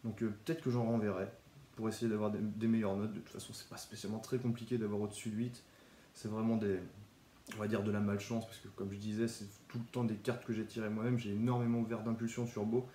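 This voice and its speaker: Stuffed up from a cold, a young Pokémon card YouTuber talks fast and chattily through a laid-back card showcase, restarting himself now and then. His voice is lowish, the room echoey, and there's a bit of background noise.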